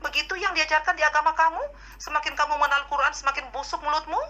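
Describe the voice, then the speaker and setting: Lecturing woman, bright voice, heated voice-chat debate, scolding. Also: sits high, flat delivery, fast talker, poor audio.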